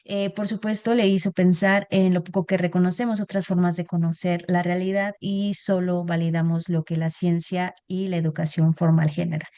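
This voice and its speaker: A woman's voice: fairly low pitch, level tone, moderate pace, hardly any pauses, warm tone, dry recording. A woman moderating a talk and reading audience comments, hesitant with many fillers.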